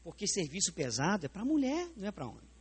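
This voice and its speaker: A man's voice: sits high, fast, breathy edge. A man with a Brazilian Portuguese accent, preaching a sermon in a church, staging a live demonstration and putting questions straight to the congregation. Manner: animated, questions the congregation directly. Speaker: pastor preaching. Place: church sanctuary.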